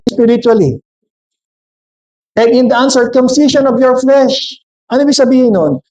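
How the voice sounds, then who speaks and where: A man's voice: extremely high pitch, a little mellow, highs cut off. A man with a Filipino accent preaching a sermon, switching between Tagalog and English, questioning and joking with the congregation. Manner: jokes with the congregation.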